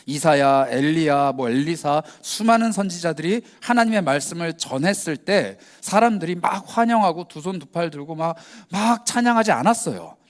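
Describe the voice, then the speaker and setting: A male pastor giving a youth worship sermon in a casual, conversational way, telling the story with energy and acting out the lines he quotes. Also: fairly high pitch. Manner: casual, conversational preaching with slang.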